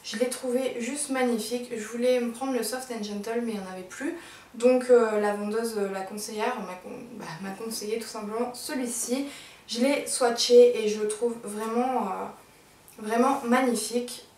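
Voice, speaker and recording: A woman vlogger with a somewhat high voice talks through her favorite beauty products in a chatty, eager way, often stopping on fillers. She sits back from the camera in a room at home, so her voice sounds distant and roomy. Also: steady tone, moderate pace, darkish tone. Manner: chatty and enthusiastic, hesitant with fillers. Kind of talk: casual monthly favorites review.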